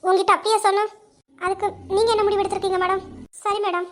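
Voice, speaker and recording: A woman's voice: very high-pitched, flat delivery, quick pace, fairly bright tone. A woman voicing Inba, a blunt and protective young friend who scolds insistently in an amateur audio drama. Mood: probing.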